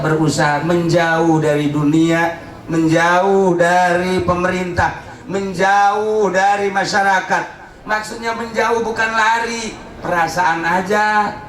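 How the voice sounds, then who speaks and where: Guy preaching, high voice, pleading then joking, boomy hall from a ways off. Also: a bit bright, recorded from a distance. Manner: dramatic, swings from pleading to joking. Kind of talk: sermon.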